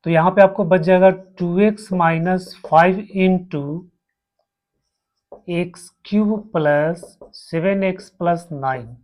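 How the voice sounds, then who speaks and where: A man's voice: high-pitched, takes it slowly, a little mellow. A man teaching a maths lesson, walking his students through each step and repeating terms as he writes. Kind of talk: slow blackboard maths lesson.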